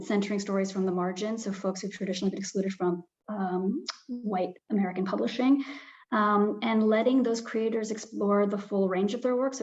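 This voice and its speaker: A woman's voice: medium pitch, a little mellow. A woman publisher speaking on a panel, thoughtful, with frequent ums and restarts. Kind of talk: panel talk. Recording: slightly dull lo-fi sound.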